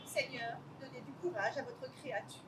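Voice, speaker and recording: A woman's voice: high-pitched, fairly even intonation, moderate pace, noisy background, natural voice. An actress playing a devout, anxious woman who compulsively checks everything, with a prim, pious, sighing delivery in an amateur stage play. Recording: stage voice from a distant mic.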